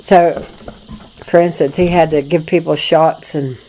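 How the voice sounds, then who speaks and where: An older woman from Florida in the United States telling her family history in a casual, rambling way, with many restarts and soft chuckles. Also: low-pitched, steady tone, unhurried, slight background noise, low-quality recording. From Florida, USA. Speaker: documentary photographer recalling family history. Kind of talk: casual spoken memoir to a friend.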